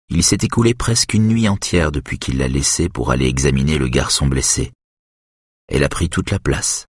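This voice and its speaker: A man doing measured, scripted audiobook narration of a thriller. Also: extremely low pitch, slightly rough, no room sound, studio quality.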